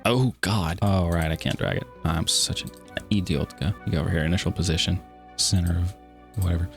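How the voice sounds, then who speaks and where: A man's voice: low-pitched, brisk, creaky, soft background music. A man casually walking through a game development tutorial, joking and self-deprecating as he works. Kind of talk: casual screen-recorded tutorial.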